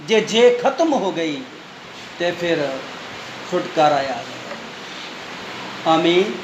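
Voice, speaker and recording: A man's voice: fairly high pitch, lively intonation, slow pace. Male Punjabi pastor, preaching sermon, verse-by-verse repeat, echoey room, noisy. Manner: preaching, repeats each read verse and urges listeners. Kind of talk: Punjabi sermon with call-and-response Bible reading. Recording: echoey room with loud background noise.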